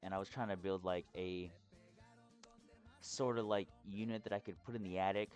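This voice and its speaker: A man from Texas giving a casual, rambling explainer vlog as a hobbyist, sounding drunk, halting and swearing freely. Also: low voice, steady tone, a little mellow, faint music behind. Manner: tipsy, rambling drunk talk with halting phrases and heavy swearing. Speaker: hobbyist presenter.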